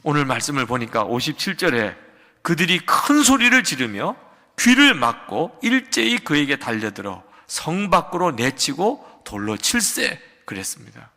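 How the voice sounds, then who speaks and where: An older man preaching a sermon as pastor, moving between loud emphatic peaks and quiet low asides. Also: big pitch swings, moderate pace. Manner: acts out a shouting quarrel in quotes. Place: large church sanctuary. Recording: long hall reverb of a church sanctuary.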